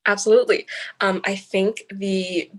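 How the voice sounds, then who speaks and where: Speaking a little slowly with a level tone and medium pitch, a young woman gives earnest, articulate answers in an interview, frequently filling pauses with "um." She is a student senator from the San Francisco Bay Area, a young adult.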